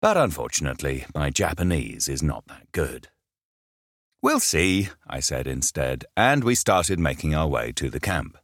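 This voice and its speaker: A man's voice: extremely low pitch, big pitch swings, normal speed, few pauses, dry recording. A man who once worked as a safari guide, telling a story with wry, dry humour. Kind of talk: storytelling narration.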